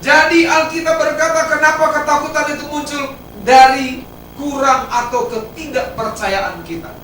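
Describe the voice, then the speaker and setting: Pastor preaching in an echoey hall. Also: male voice, fairly even intonation, normal speed, pushed and bright, a little hiss or hum. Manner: emphatic, rises and drops sharply in pitch and volume. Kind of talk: sermon. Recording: roomy echo, heard from a distance.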